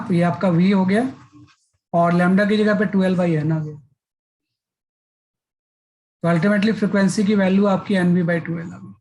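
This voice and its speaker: Physics teacher explaining step by step. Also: male voice, high-pitched, a little mellow, poor audio. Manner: explains step by step, repeats filler "है ना". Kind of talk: classroom lecture.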